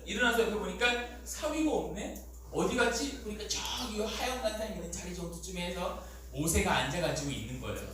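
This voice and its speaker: A man as youth pastor giving a lively sermon to middle schoolers in a church hall, animated and quizzing his listeners. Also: high-pitched, recorded from a distance, a little hiss or hum. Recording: echoey hall, voice off mic.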